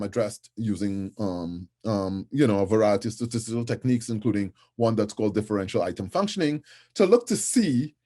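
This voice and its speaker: A middle-aged man from Trinidad and Tobago lectures at a conference in a medium-pitched, dark-toned voice. His delivery is conversational, frequently tagging sentences with "right?" and filling pauses with "um".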